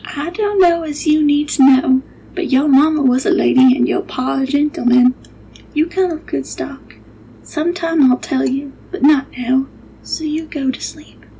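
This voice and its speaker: A gentle old nursemaid telling a hushed ghost tale at bedtime, as a woman plays her. The voice is high and soft, and it keeps dropping into a breathy whisper. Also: unhurried, a little hiss or hum, poor audio. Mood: soothing. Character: older woman servant, gentle storyteller nurse.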